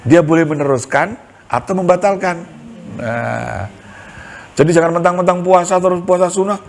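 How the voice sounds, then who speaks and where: A man's voice: high-pitched, moderate pace, gravelly, a little hiss or hum. A middle-aged man with a Javanese accent, preaching to a women's study group with humor and acted-out dialogue. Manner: humorous storytelling, acts out dialogue. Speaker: Islamic preacher.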